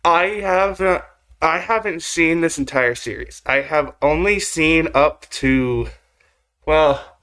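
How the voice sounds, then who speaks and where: A man with a slightly high, somewhat bright voice takes his time giving casual, rambling reaction commentary as a video host. He uses slangy phrasing and mild swearing. Music or drone from the video he's watching plays in the background.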